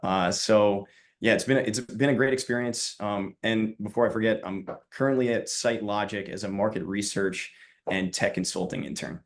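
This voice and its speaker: A young man from Long Island, New York, introduces himself as a student panelist on a video call. His voice is lowish and his pace normal, and he sounds relaxed, filling his speech with lots of fillers.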